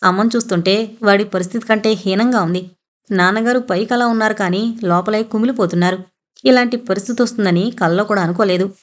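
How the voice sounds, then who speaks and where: A woman's voice: mid-range voice, a little fast, close to an everyday voice. A woman reading an audio novel, voicing a young man holding back tears over his brother. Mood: grieving. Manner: sorrowful, restrained.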